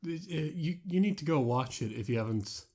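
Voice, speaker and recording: A man's voice: on the high side, expressive, a little fast, darkish tone, slightly rough. A man with an Irish accent co-hosting a podcast, talking in casual, rambling chat and often trailing off. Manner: rambling, amused, trails off mid-sentence. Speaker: podcast co-host.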